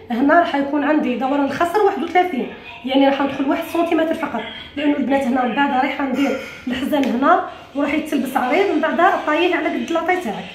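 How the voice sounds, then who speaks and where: A woman with an Algerian Arabic accent teaching a sewing tutorial, talking quickly to viewers and often correcting herself. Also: high-pitched, roomy sound, slight background noise. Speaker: sewing instructor. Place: room at a cutting table.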